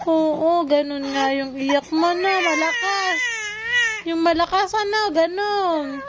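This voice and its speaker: A mother in a casual home video, coaxing her toddler with slow, playful questions. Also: very high voice, very noisy.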